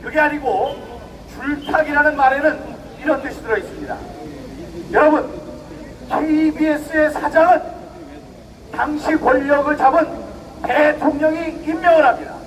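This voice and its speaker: High-voiced middle-aged man rallying a crowd. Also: fairly even intonation, moderate pace, pauses often. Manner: emphatic, rhetorical, addresses the crowd directly. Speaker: rally speaker. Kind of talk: outdoor protest speech. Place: outdoor rally. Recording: distant mic outdoors, faint noise.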